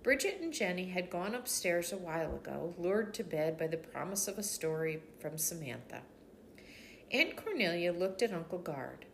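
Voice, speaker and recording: A woman's voice: on the low side, normal speed, gravelly, slight background noise. Grandmotherly woman reading a storybook aloud. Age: older. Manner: gentle, expressive storytelling. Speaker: storybook reader. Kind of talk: reading a children's chapter book aloud.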